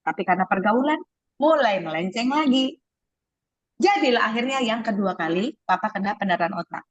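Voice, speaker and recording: Lively husky middle-aged woman telling testimony. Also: mid-range voice, brisk. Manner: animated storytelling, acting out quoted voices. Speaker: guest giving testimony. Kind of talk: personal faith testimony. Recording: dull lo-fi sound.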